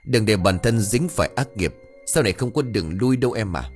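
A man voicing a gentle older brother, a servant, earnestly coaxing his sister to stop in an audio ghost story. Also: on the low side, animated, a little fast, soft background music, natural voice. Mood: pleading.

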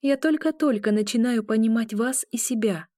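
A woman's voice: fairly high pitch, moderate pace, mellow, no room sound, clean studio sound, pitched above the performer's own voice, natural voice. A woman voicing a frightened, hot-tempered young witch in a raised, emotional delivery. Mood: anxious, tender.

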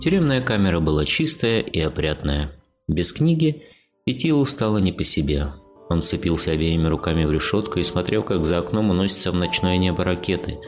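A man narrating an audiobook story in a measured storytelling manner. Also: deep voice, expressive, music in the background. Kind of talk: scripted narration.

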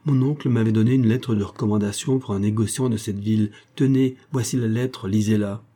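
A desperate young man, read by a man in an audiobook, anguished and pleading. The voice is low and husky, dark in tone. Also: fairly even intonation, a little fast, lightly acted. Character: distraught young man wrongly accused of murder.

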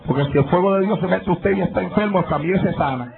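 A male pastor preaching a fervent sermon before a congregation, breaking into shouts and speaking in tongues. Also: sits high, fast, vocal fry. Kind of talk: Pentecostal sermon. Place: church altar before congregation. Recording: tinny phone-like live church recording with crowd.

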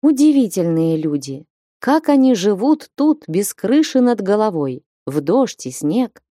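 A woman narrating a fantasy novel as an audiobook in steady storytelling. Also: medium pitch, a little slow, dry recording, studio quality.

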